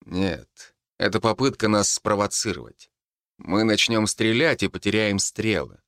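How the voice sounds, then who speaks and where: A man's voice: on the low side, a little slow, no echo, clean studio sound. A man voicing a terse, grim forester. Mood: calm. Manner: calm, terse. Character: grim, steady male forester.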